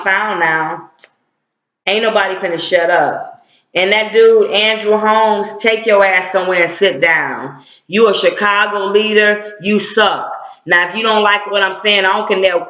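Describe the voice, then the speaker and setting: A man's voice: high voice, fairly bright tone. A middle-aged man, a civil rights activist, delivering a blunt, confrontational, slangy online rant. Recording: echoey, dull lo-fi sound.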